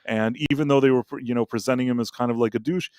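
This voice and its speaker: A man in a casual pop culture chat, talking bluntly and rambling through his opinions with lots of restarts. His voice sits at an ordinary middle pitch. It is recorded close and dry, with no room sound. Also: steady tone, fast talker, darkish tone, clean tone, no echo. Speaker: podcast co-host.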